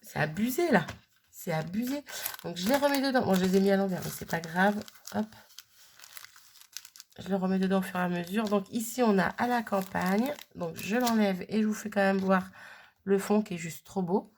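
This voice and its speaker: A woman's voice: medium pitch, normal speed, slight background noise. A woman chatting casually as she unboxes a craft gift, gushing and repeating her delight as she goes.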